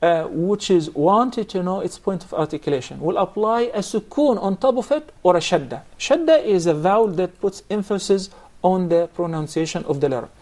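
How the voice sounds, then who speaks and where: A man's voice: high-pitched, expressive, moderate pace, hardly any pauses, darkish tone. A man teaching a Quran recitation class, explaining points patiently and quizzing his students. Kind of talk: classroom instruction.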